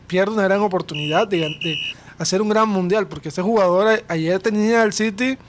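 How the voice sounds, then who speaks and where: A man's voice: sits high, moderate pace, slight background noise. A man co-hosting a podcast, telling football stories in a chatty way. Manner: chatty, stretches out his stories with restarts. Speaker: podcast co-host. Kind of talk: casual football chat.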